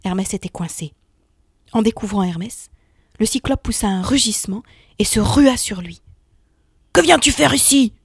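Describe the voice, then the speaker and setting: A woman's voice: mid-range voice, normal speed, breathy edge, no room sound. Woman narrating a children's story, dry sound. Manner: expressive, drops to a hush in tense moments.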